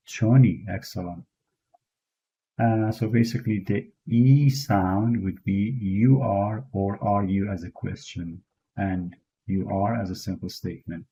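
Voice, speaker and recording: A man teaching beginners, with a low, husky and mellow voice. He speaks very slowly and patiently, repeating each word and praising the learner after it. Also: rough recording. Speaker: language teacher. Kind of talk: slow spoken language lesson.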